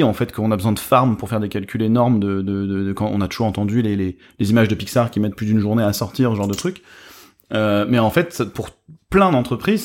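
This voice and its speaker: A man co-hosting a podcast who rambles in halting, self-deprecating phrases. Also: on the low side. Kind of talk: casual podcast chat.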